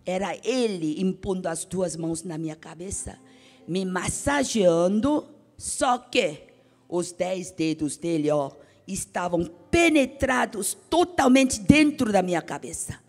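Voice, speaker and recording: Woman preacher, slow dramatic testimony, hushed to fervent, reverberant hall with soft music. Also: lowish voice, lively intonation. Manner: dramatic, swings from hushed whispers to fervent exclamations. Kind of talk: emotional testimony sermon.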